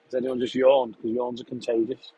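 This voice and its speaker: Young man, husky, mid pitch; easygoing live-stream chat from a tractor cab, answering viewer questions. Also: a little fast, lo-fi sound. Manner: relaxed, chatty, answers questions between running commentary on the job. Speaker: farm contractor live-streaming while spraying a field. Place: inside a tractor sprayer cab, in a field.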